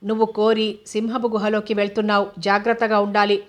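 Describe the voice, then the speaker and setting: A woman voicing a protective older uncle who speaks quietly and warns with care in a storybook reading. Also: mid-range voice, completely flat delivery, a little fast, natural voice. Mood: cautioning. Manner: quiet, cautioning. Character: older protective uncle, calm senior officer.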